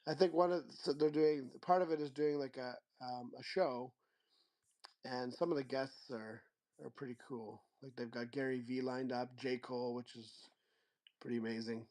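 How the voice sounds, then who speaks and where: A man hosting a casual livestream chat, relaxed and rambling, often trailing off and restarting his sentences. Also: medium pitch, normal speed. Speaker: show host.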